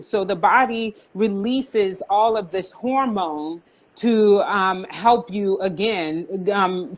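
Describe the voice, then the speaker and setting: A woman in her forties, born in Haiti, calmly explaining things as a guest counselor in a conversational interview, with frequent fillers. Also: medium pitch. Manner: calm, explanatory, with frequent "um" and "you know".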